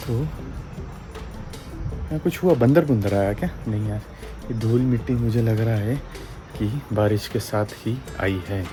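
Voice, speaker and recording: A man's voice: fairly low pitch, measured pace, long pauses, over music. A young man with a Pahari-region Hindi accent, talking in a casual vlog about negativity and faith, earnest and reflective, repeating phrases for emphasis. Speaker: vlogger. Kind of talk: casual vlog talk with spiritual musing. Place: outdoors at home, yard.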